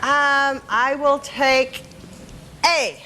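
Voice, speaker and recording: A woman's voice: high-pitched, steady tone, very slow, heavy background noise. A woman competing on a game show, giving short answers in a reverberant studio. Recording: hall reverb, faint music behind.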